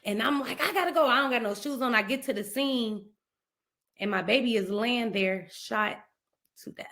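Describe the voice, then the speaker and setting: Podcast guest, woman, middle-aged, from ohio, gravelly voice, tells her story and acts out the quotes. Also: fairly high pitch, normal speed, a bit bright. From Ohio, USA. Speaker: podcast guest, speaker and author. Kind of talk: emotional personal storytelling.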